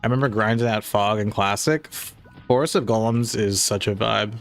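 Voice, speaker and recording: A young game streamer with a low-leaning, slightly nasal voice talks briskly over soft background music. He reads chat casually, rambling in a laid-back way and scattering "like" and other fillers throughout.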